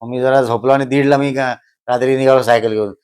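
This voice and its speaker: Older man, smooth even voice, slow storyteller who repeats himself. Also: medium pitch. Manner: slow, repeats phrases for emphasis. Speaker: guest, host's father. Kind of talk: casual storytelling.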